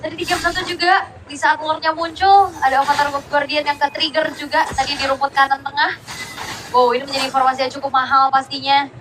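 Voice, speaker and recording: A woman's voice: sits high, little pitch movement, brisk. A woman giving conversational live commentary on a game tournament as co-commentator. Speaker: esports co-commentator. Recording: very noisy live event sound.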